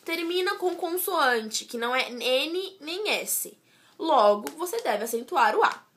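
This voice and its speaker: Woman, slow unhurried delivery, casual tutor explaining rules step by step. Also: high voice, expressive, fairly bright tone. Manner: explains step by step, with restarts and "certo?" checks. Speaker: student tutor.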